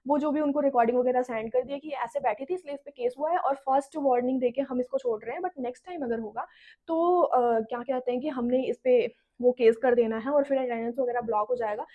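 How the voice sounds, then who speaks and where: A woman's voice: sits high, a little fast, narrow, tinny audio. A young woman telling a storytime vlog in a chatty, dramatic way, talking straight to her viewers.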